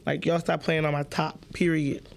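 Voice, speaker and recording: A woman's voice: sits low, flat delivery, normal speed. A young woman hosting a casual call-in podcast, talking bluntly and playfully with plenty of profanity, straight to her listeners. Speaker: podcast host.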